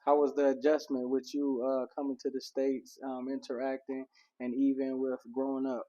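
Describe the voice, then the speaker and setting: A man hosting a casual interview, relaxed and affirming with short replies. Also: mid-range voice, normal speed. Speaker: interview host. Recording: dull lo-fi recording.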